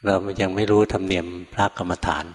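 An older male monk giving a Dharma talk, telling a story in a relaxed way, acting out quoted lines and chuckling now and then. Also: low voice, quick pace. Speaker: Buddhist monk teacher. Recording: long reverb from a hall.

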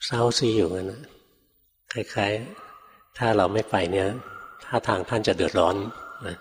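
Older monk preaching in a reverberant hall. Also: male voice, lowish voice, a little slow, slight background noise. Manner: relaxed, folksy, peppers speech with a soft tag particle, acts out quoted voices. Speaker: Buddhist monk teacher. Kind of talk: storytelling sermon.

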